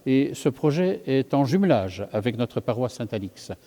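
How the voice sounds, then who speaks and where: Male priest, mellow tone, halting homily full of "euh", long church reverb. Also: mid-range voice, big pitch swings. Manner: thoughtful, many fillers and self-corrections. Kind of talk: sermon.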